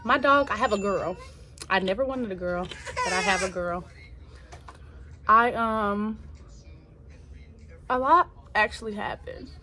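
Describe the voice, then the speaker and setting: A young woman from Tennessee talks casually to her viewers, rambling through a story in relaxed, slangy speech. Her voice sits in an ordinary middle pitch. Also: a little slow, long pauses, background noise. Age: 20s. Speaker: vlogger. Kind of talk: casual chat.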